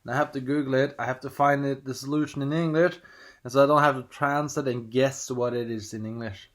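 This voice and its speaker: Brisk and fairly even in intonation, a medium-pitched man with a Norwegian accent vlogs from home as he unboxes an item. His talk is casual and meandering, full of hesitations and restarts, and he reads the on-screen prompts out loud.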